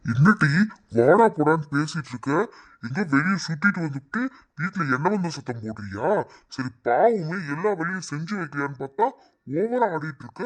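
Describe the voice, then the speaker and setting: Blustering village husband. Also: male voice, on the high side, very animated, moderate pace. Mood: angry. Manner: blustering, threatening. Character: gruff village husband, hot-tempered.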